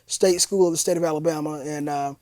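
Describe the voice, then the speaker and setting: A young man with a notably high yet mellow, soft-edged voice talks as an interview guest. He is earnest and reflective, often restarting with fillers. The recording is dry and close. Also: fairly even intonation, fast, no echo. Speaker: guest, university executive. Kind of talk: casual interview chat.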